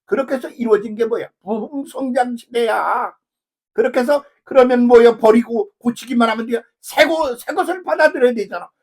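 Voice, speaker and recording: A man's voice: very high-pitched, fairly quick, a little mellow. An older man preaching a folksy, rambling sermon as a pastor, full of rhetorical asides. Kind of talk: conversational sermon.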